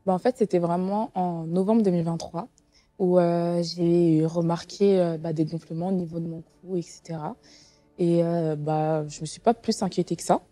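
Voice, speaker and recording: A young woman in her twenties tells her story haltingly, pausing and restarting often. Her voice is low-pitched and very dark. She is recorded close and dry, with faint music underneath. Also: steady tone, no room sound. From Portugal. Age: 20s. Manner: hesitant, many fillers and restarts. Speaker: guest sharing testimony. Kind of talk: casual testimony interview.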